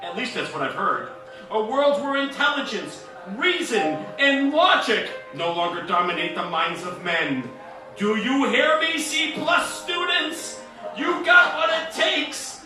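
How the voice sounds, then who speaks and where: A man's voice: high-pitched, exaggerated voice. A man playing a bombastic, deranged space captain in a parody of an old-time children's radio serial, speechifying grandly. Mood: rabble-rousing. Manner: grandiose, slow theatrical speechifying. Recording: distant, heavily echoing, music behind.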